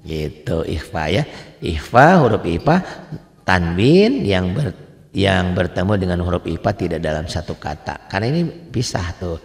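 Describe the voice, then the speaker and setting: A man teaching the rules of Quran recitation in a casual lesson, asking and answering his own questions and stretching out example words in a slow chant. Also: deep voice, sing-song, vocal fry, big-room sound. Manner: drops into slow drawn-out chanting on example words, quizzes himself aloud.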